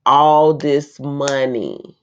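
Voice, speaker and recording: A woman's voice: rumbling low, drawn-out words, clear, resonant tone. A woman reading an article aloud and breaking off into indignant, emphatic commentary. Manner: indignant, emphatic asides between read passages. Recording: slightly dull, lo-fi recording.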